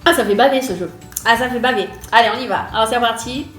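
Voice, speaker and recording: A woman hosting and playing a casual game challenge, chatting playfully with animated exclamations and repeated phrases. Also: fairly high pitch, quick pace. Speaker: host and player of a family game challenge. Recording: roomy echo, faint music behind.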